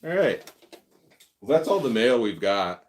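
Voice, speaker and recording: A man's voice: medium pitch, sing-song, a little slow, slight background noise. A man hosting a casual live stream, reading viewer comments and chatting in a laid-back way, laughing often. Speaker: livestream host.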